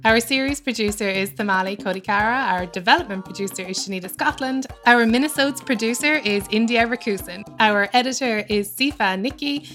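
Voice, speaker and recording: An Irish woman co-hosting a podcast, with a bright, forceful tone and a somewhat high voice. She sounds teasing and upbeat, and faint music plays underneath her. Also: fairly quick, few pauses. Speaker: podcast co-host. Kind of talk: casual podcast chat and scripted credits.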